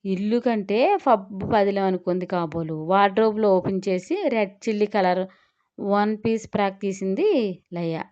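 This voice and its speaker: A woman narrating a serialized romance audio story in an expressive, scripted reading. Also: medium pitch, normal speed, highs cut off.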